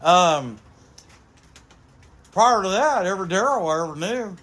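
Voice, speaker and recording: A man's voice: high-pitched, animated, unhurried, fairly bright tone. A man who carves with a chainsaw chats casually and jokingly while he works, rambling and greeting viewers by name. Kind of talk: casual live-stream chat while working.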